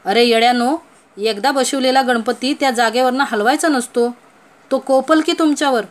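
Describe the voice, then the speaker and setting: A woman voicing a stern village mother who scolds children in loud, bossy rural speech. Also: sits high, moderate pace, voice pushed up, close to an everyday voice. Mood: scolding.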